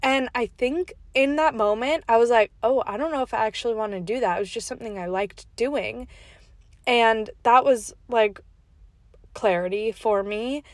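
A young woman with a fairly high voice hosts her podcast from inside a parked car, stuffy and nasal from a cold. She tells a rambling, casual story packed with "like," laughing between asides, at a normal pace. The studio-quality recording has no echo.

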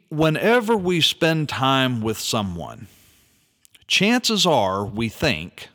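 Slow, lively-pitched man in a reverberant hall. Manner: earnest, rhetorical questions, slow deliberate delivery. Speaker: speaker commenting on an article. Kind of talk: reflective monologue.

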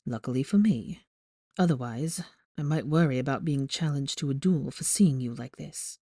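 Hoarse weary young wizard, dry teasing murmur, lowered and soft as a woman narrator puts him on. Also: moderate pace, dry recording. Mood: tired teasing. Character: young male wizard, wounded, tired, teasing.

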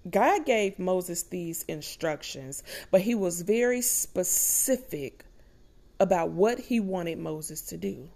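Woman preaching, slow and gravelly, kinda low voice, keeps asking the crowd "right?". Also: darkish tone. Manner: conversational preaching with call-outs to the listeners. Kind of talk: sermon.

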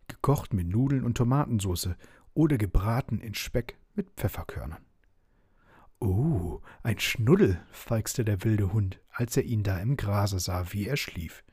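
A man reading a bedtime story aloud with an expressive, gently animated manner. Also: on the low side, slightly rough, dry recording, clean studio sound.

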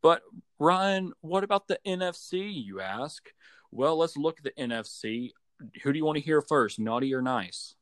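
A man's voice: on the high side, animated, moderate pace, fairly bright tone, no echo, clean studio sound. A young man in a casual sports voice chat over a phone, giving opinions in a teasing, mock-serious way. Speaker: sports podcast co-host. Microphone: remote voice chat call on a phone.

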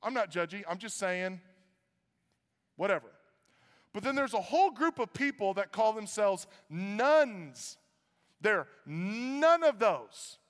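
High-pitched pastor preaching in a reverberant hall. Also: male voice, slow pace. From Iowa, USA. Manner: conversational, joking asides, lively swings in pitch. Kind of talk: sermon. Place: church auditorium.

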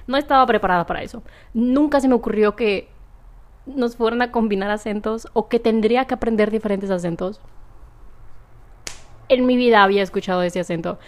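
Chatty young woman, higher voice. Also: a little fast, long pauses, darkish tone. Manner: chatty, rambling, laughs often. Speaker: vlogger. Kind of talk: casual chat to camera.

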